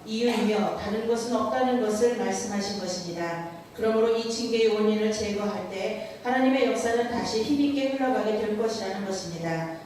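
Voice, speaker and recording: A woman reading a scripture passage and its commentary aloud in a steady, formal way. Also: medium pitch, brisk, slight background noise. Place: large church hall. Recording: echoey hall from far off.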